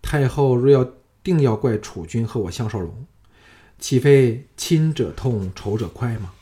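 Storybook young general, calm, persuasive, mellow voice , man reads him. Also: mid-range voice, a little slow, natural voice. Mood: earnest. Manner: composed, persuasive.

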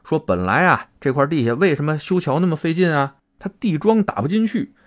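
A man, hosting a podcast and telling a story in a casual, animated, colloquial way. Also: a little high, brisk. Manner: animated, colloquial, acts out characters' lines. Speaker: podcast host.

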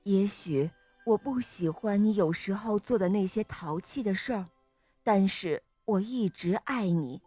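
A woman voicing a grown male monkey, a patient parent, speaking softly and soothingly in a children's story. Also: medium pitch, a little slow, slightly rough, no room sound, faint music behind. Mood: gentle. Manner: soft, soothing, reassuring.

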